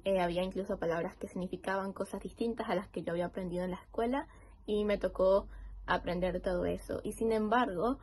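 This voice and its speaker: A woman's voice: mid-range voice, fairly even intonation, brisk, darkish tone, slightly rough. Venezuelan woman, interviewee, articulate reflective testimony. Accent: Venezuelan Spanish.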